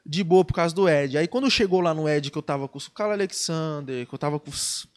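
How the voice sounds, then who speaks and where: Fast-talking Brazilian man telling stories. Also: on the high side. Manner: animated, slangy, acts out quoted dialogue. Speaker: guest, pro surfer. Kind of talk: casual podcast storytelling.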